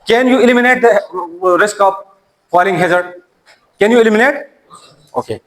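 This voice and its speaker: A man's voice: high voice, moderate pace, a bit bright, rough recording. A man, an Urdu speaker, teaching a classroom lecture and often repeating and restarting his words.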